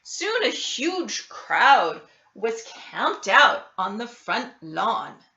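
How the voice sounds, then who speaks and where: Slow, bright-voiced woman reading a storybook. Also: fairly high pitch, sing-song. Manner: deliberate, dramatic emphasis with character voices. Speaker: storybook reader. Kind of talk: expressive children's picture book read-aloud. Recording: roomy, slightly dull sound.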